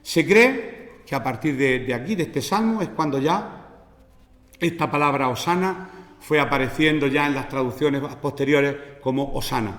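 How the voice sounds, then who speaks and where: A man from Spain preaching a sermon in an animated teaching manner, acting out pleas in a raised voice. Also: medium pitch, moderate pace. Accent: Spanish from Spain. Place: church. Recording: echoey church hall.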